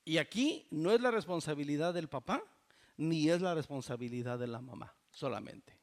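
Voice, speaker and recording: A man's voice: on the high side, lively intonation, moderate pace. A man, preaching a fervent sermon as pastor and often addressing the congregation as brothers. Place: church.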